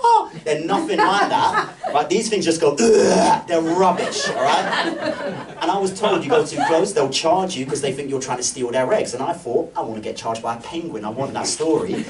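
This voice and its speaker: Brash young comedian on stage. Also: male voice, fairly high pitch. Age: 20s. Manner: brash, swearing, teasing the crowd. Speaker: MC and stand-up comedian. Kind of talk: live stand-up comedy. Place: live venue with an audience. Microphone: stage mic held in hand. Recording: distant mic, loud audience laughter. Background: audience laughing and clapping.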